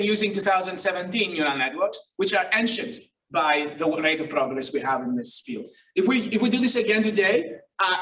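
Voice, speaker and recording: This keynote speaker, a researcher from Greece, talks in a high, pushed, bright voice with a Greek accent. His lecture is relaxed and self-deprecating, peppered with fillers and restarts, and the hall acoustics make him sound distant and roomy.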